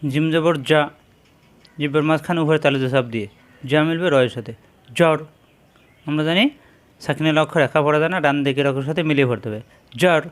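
A man with a somewhat high voice teaches Arabic letter sounds. He speaks slowly and deliberately, in a lesson style. He drills each syllable and says it again and again. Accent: Bangladeshi Bengali. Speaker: Quran reading teacher.

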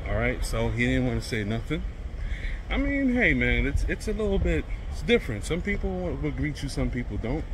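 An American travel vlogger films himself walking outdoors on town streets, talking in a laid-back, chatty, colloquial way. His medium-pitched voice is very animated and brisk, with background noise behind him.

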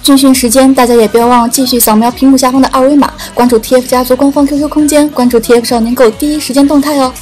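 Woman doing quick trailer voiceover for a youth variety show, bit high, music behind. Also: steady tone, darkish tone, rough recording. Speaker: promo narrator. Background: background music.

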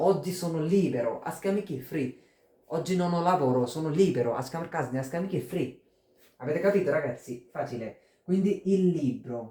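Bengali-speaking male tutor, fairly high and mellow voice, drills words slowly, asks himself questions. Recorded in an echoey room. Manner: explains step by step with many rhetorical questions. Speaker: Italian language teacher. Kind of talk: informal online language lesson.

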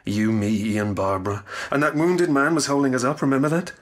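A man's voice: medium pitch, a little fast, natural voice. An actor playing a sarcastic, grief-stricken alien grandfather in an audio drama, intense and brooding. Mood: bleak, brooding. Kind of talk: full-cast audio drama acting.

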